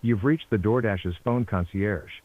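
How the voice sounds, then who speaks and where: A man's voice in a recorded phone message, giving measured, polite menu prompts that repeat over the phone line. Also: on the low side. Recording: tinny dry phone line.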